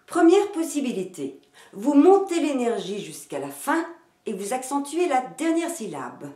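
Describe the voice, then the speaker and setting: A woman teaching phonetics in a slow, deliberate scripted narration, demonstrating intonation and stress with varied emphasis. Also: sits high, big pitch swings, warm tone. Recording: roomy echo.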